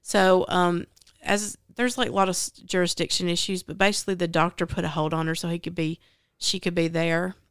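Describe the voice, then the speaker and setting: A woman's voice: fairly low pitch, fairly even intonation, a little fast, few pauses, clean tone, dry recording, clean studio sound. A woman with a Southern US accent hosting a casual book chat, retelling a story in a rambling way with many fillers. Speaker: podcast host.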